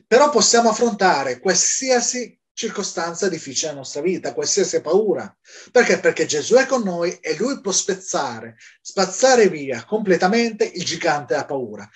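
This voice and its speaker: A man preaching a Bible study, asking questions and answering them himself. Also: a little high. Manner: animated, asks and answers his own questions.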